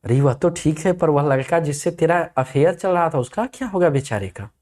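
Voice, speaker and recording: A man's voice: a little high, animated, normal speed, darkish tone, close to an everyday voice. A man putting on a nosy gossiping girlfriend. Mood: gossipy. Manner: gossipy, chatty. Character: nosy young woman, heroine's gossiping friend.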